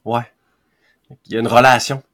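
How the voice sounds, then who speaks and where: A man's voice: mid-range voice, level tone, normal speed. A man with a Québécois accent, co-hosting a podcast in thoughtful, hesitant casual chat. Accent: Québécois French. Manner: thoughtful, hesitant, with soft laughs. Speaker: podcast co-host.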